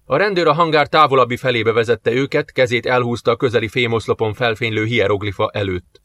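A man narrating an audiobook in an even, measured reading voice. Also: mid-range voice, no echo. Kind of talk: scripted narration.

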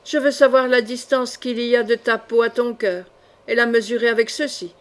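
A woman reading an audiobook, voicing a rough, wine-soaked nobleman who growls and sneers at his victims. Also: fairly high pitch, steady tone, moderate pace, close to an everyday voice. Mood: menacing. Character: rough drunken male nobleman bully.

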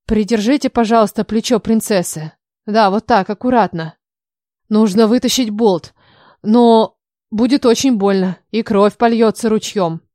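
A woman's voice: mid-range voice, a little slow, dark tone, dry recording, studio quality, natural voice. A woman reading an audiobook voices a male court healer who talks in a fussy, businesslike, reassuring way.

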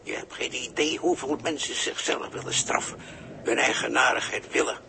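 A creaky, sharp-toned mid-range voice at normal speed belongs to a man playing a mocking, cryptic sailor-philosopher. It's a 1960s radio drama with a noisy recording, and he sounds both preachy and taunting.

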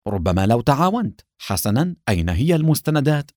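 A man voicing a cool, sarcastic male secret agent who speaks calmly and coldly. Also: medium pitch, fast, no echo, studio quality, natural voice. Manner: calm, mocking, cold.

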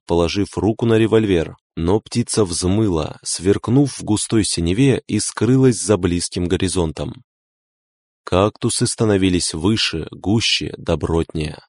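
A man narrating a novel in a steady, unhurried reading. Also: low-pitched, no echo, clean studio sound. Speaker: audiobook narrator. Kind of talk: scripted narration.

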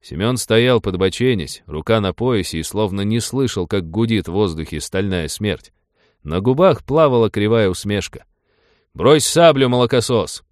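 Expressive male audiobook narrator. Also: on the low side, normal speed, no room sound, clean studio sound. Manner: expressive, voices every character.

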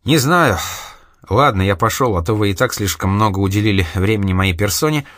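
A man's voice: on the low side, expressive, brisk, fairly bright tone, no room sound, studio quality. A man reading an audiobook, voicing a sincere, naive young man who has lost his memory, speaking hesitantly. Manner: hesitant, earnest.

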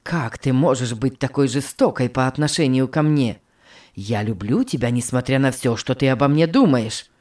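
A woman's voice: extremely low pitch, moderate pace, a little mellow, pitched below the performer's own voice. A woman voicing an anguished married man begging his young lover to take him back, in a read-aloud story. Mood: pleading. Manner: pleading, wheedling.

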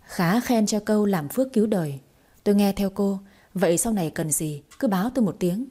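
A woman's voice: medium pitch, animated, brisk, dark tone, husky. A woman voicing a middle-aged male district mandarin in a storybook reading, speaking in a deferential, effusive way. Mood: generous.

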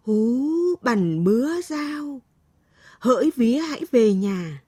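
A woman voicing an elderly grandmother who croons an incantation slowly and tenderly to her granddaughter. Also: a little high, lively intonation, warm tone, slightly rough, dry recording, studio quality, heavily acted. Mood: incanting. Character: old grandmother, tender and grieving.

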